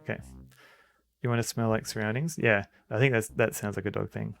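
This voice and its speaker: A man's voice: on the low side, steady tone, a little fast, gravelly, soft background music. A man chatting casually on a live stream as he plays a retro adventure game, rambling in an easygoing way.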